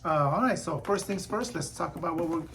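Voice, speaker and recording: A hoarse man who keeps clearing his throat, chatting casually and rambling as a comic book vlogger. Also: a little high, a little fast, background noise. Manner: rambling, repeats and restarts words. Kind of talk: casual vlog chat.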